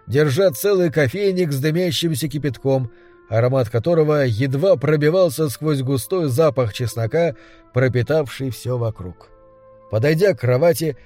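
A man reading a gothic story aloud in a measured, dramatic way. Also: medium pitch, darkish tone. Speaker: narrator. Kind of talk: audiobook narration. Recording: dry studio read with faint music.

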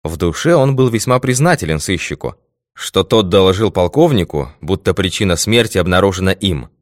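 A man narrates an audiobook in a steady, even way. His voice sits very low. The recording is close and dry, with no echo. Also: fairly quick.

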